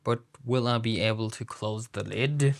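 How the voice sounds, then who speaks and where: A man with a German accent giving casual unboxing commentary, thinking aloud in halting phrases as he handles gear. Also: mid-range voice, vocal fry, noisy background. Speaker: product reviewer.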